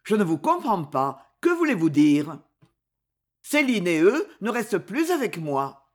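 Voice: medium pitch, very animated, measured pace. A reader of a French novel voicing an old mother who cries out in grief and pleads in a trembling voice. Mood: sorrowful. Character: grieving old mother, a widow's anguish.

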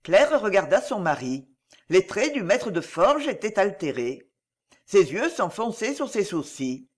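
Expressive high-voiced male narrator. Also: measured pace. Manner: expressive literary reading. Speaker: audiobook narrator. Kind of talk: scripted narration.

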